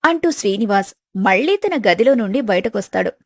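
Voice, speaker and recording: A woman reads a storybook tale in a plain, even narrating voice of middle pitch. The recording is dry and close, with no room around it. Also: a little fast, dry recording. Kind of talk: scripted narration.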